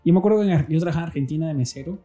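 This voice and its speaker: A man from Peru hosting a podcast, an animated storyteller who acts out the voices of the people in his stories. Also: fairly high pitch, rapid-fire, faint music behind. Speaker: podcast host. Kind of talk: casual podcast conversation.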